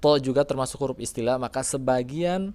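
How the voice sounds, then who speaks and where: A man teaching Quran pronunciation, explaining each letter patiently and slowly drawing out the recited examples. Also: medium pitch, darkish tone, no room sound. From Indonesia. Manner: patient, careful, drawing out sounds slowly to demonstrate.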